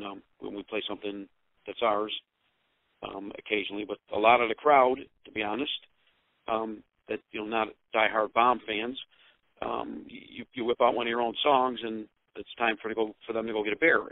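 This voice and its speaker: An American man speaking over the phone as a musician giving casual interview answers, rambling and pausing often. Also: lowish voice, no room sound. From Utica, New York, United States. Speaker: rock band musician and songwriter being interviewed. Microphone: telephone. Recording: dull, narrow-band phone line.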